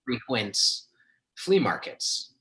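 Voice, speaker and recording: A man's voice: mid-range voice, big pitch swings, drawn-out words, bright, forceful tone, rough recording. A young man in casual podcast chat who tells stories in a chatty way and laughs as he talks. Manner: chatty storyteller, laughs while talking. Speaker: podcast co-host.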